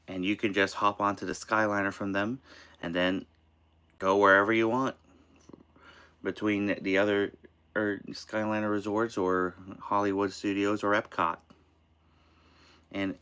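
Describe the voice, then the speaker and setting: Deep-voiced, slow-talking American man, live-streaming. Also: little pitch movement, bright, forceful tone, clean tone. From Maine, United States. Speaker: host of a live show. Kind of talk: casual live-stream chat with tips. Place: inside an RV.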